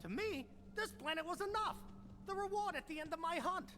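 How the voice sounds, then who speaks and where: An actor playing a grizzled older explorer and remorseful father in a video game, with a gravelly folksy drawl. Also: very high voice, animated, fairly quick, in a large hall, background noise. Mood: regretful.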